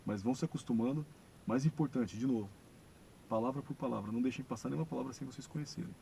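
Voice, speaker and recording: Gravelly Brazilian man teaching English. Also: mid-range voice, dark tone, slight background noise, low-quality recording. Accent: Brazilian Portuguese. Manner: patient explaining, slow modeled phrases. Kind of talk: video lesson. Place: church classroom.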